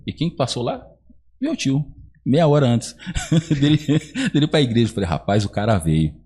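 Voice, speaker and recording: A man's voice: a little high, expressive, moderate pace, warm tone, slightly rough. A man in his thirties from Brazil, a podcast guest telling his faith testimony and acting out the dialogue of the people in his story. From Iguape, Brazil. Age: 30s.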